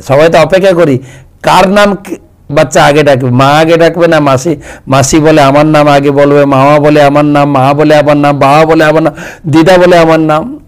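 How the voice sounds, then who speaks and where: Man, monk, devotional question-and-answer, patient explaining. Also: on the high side. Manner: patient, explains with homely examples and sung chants.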